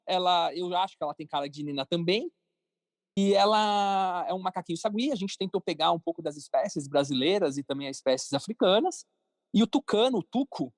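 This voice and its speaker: A high-pitched male voice comes through in clean studio sound with no echo. The speaker, a cartoon creator and entrepreneur with a Brazilian accent, answers podcast interview questions informally, explaining things conversationally.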